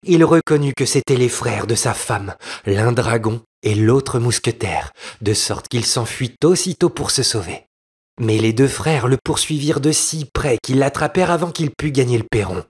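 Husky guy reading a fairy tale, slow and lively in pitch. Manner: slow, expressive storytelling. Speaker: narrator. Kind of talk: storybook reading.

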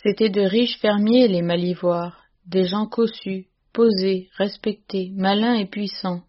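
A woman's voice: mid-range voice, muffled recording. Woman reading a classic tale aloud. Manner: measured, expressive storytelling. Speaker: narrator. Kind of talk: audiobook reading of a classic story.

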